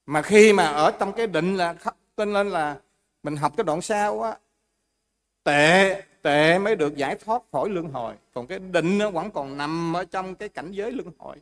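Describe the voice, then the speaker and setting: A man's voice: high-pitched, normal speed. A man giving a Buddhist dharma talk, explaining with everyday examples and asking the audience questions. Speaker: Buddhist monk teacher.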